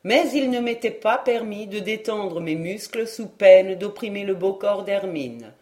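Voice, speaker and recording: An audiobook reader narrating a classic novel in the first person, in a measured, literary style. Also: mid-range voice, expressive, darkish tone. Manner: slow, measured reading.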